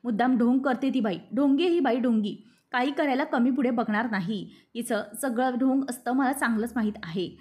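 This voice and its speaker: A woman's voice: a little high, brisk, darkish tone, natural voice. A woman reading aloud the lines of a defiant young pregnant wife who bluntly accuses her mother-in-law.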